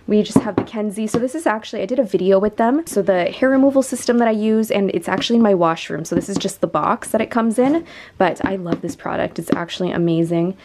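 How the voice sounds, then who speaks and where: This thirty-something beauty vlogger speaks quickly at a medium pitch while sorting her beauty room, thinking aloud and enthusing over her finds. A roaming camera mic captures it in a noisy home room.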